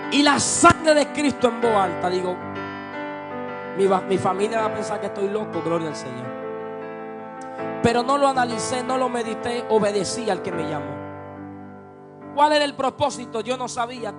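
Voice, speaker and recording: A man preacher telling a testimony in a sermon, building from quiet storytelling to fervent shouted preaching. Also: sits high.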